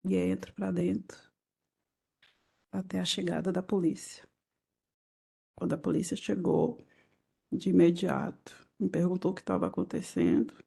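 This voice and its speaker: A woman with a Brazilian Portuguese accent gives courtroom testimony in a low, gravelly voice with a dark, mellow tone. She speaks very slowly in halting, broken-up phrases. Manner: halting, fragmented retelling. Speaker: victim testifying as witness.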